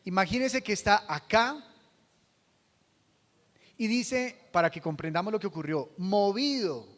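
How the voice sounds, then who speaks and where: A man preaching a sermon as pastor, asking the congregation questions and swinging from hushed to loud. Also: high voice, animated, unhurried, big-room sound. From Colombia.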